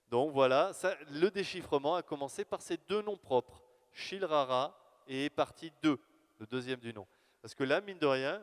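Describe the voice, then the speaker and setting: A man giving a live lecture on his research, talking in a lively, conversational way with fillers and asides to the audience. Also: a little high. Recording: long hall reverb.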